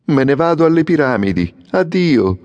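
A man's voice: a little high, sing-song, moderate pace, a little mellow, muffled recording, voice pushed up. A man doing a fussy, peevish young swallow. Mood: self-satisfied. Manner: peevish, exclaiming. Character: fussy young male swallow, proud and complaining. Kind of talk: audiobook character reading.

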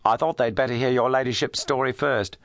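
A man voicing an eager, confident young police inspector who talks briskly and quickly. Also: mid-range voice, fairly even intonation, a bit bright, dry recording, voice pushed up, lightly acted.

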